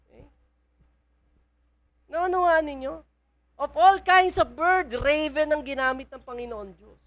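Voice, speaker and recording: High-voiced slow Filipino woman preacher. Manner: engaging, asks the congregation questions often. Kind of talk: sermon mixing Tagalog and English. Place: church.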